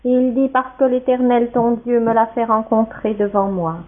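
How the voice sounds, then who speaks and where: An anxious younger son, hesitant and careful, read by a woman with a somewhat high voice. The sound is thin and tinny, like a phone line. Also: flat delivery, moderate pace, close to an everyday voice. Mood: wary. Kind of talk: scripture reading.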